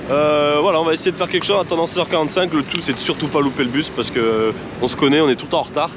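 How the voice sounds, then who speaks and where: A man's voice: on the high side, steady tone, racing, noisy background. A man from France, chatting casually as a travel vlogger, his voice congested from tonsillitis. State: sick with tonsillitis, congested swollen-throat voice. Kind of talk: casual vlog chat to camera.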